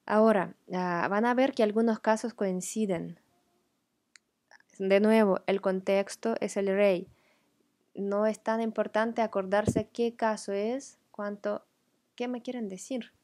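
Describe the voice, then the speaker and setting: A woman with Ukrainian as her first language, patiently explaining grammar as a teacher and repeating example words slowly. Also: mid-range voice, steady tone, darkish tone, no room sound, clean studio sound.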